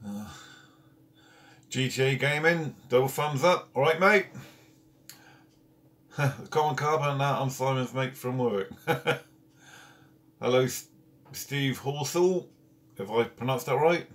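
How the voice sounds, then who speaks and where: A man's voice: mid-range voice, slow, pauses often, fairly bright tone. A man hosting a casual live stream from home, chatting and greeting viewers one by one by name. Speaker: carp fishing channel host. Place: at home, indoors.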